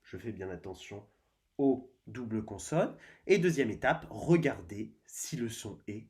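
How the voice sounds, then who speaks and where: Male primary teacher, unhurried, deliberate, sounds out each syllable for kids. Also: lowish voice, big pitch swings, darkish tone. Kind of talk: spelling lesson for young children.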